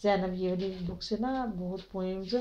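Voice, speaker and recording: Warm in tone and medium in pitch, a woman teaches children religion online with a Pakistani Urdu accent, often asking questions to keep them engaged. The lo-fi recording sounds dull and carries a faint hiss or hum.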